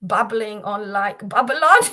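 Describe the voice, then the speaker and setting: A woman with a medium-pitched, sharp voice hosts a devotional livestream gathering. She talks informally and repetitively, full of fillers and restarts, and addresses viewers by name.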